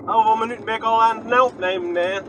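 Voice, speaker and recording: Fast and a bit bright, his high voice carries over a little hiss or hum. The Groningen-accented vlogger rambles casually while driving, filming on his phone and firing questions at himself.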